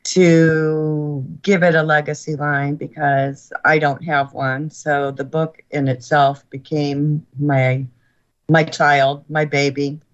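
An older woman, a guest author, speaks in a radio interview with a low, flat voice, earnest and grateful but halting and restarting. The recording is muffled and sounds as if it was taped off the radio.

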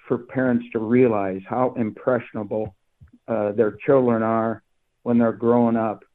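An older man telling a reflective anecdote as an interview guest, with halting, measured phrasing. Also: mid-range voice, dark tone. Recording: narrow muffled phone-like radio line.

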